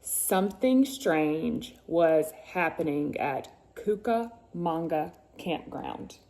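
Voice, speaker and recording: Reading a picture book to her boys, this mom goes for drama and suspense, stretching words out and chatting between pages. She speaks slowly in a low, mellow voice with lively intonation.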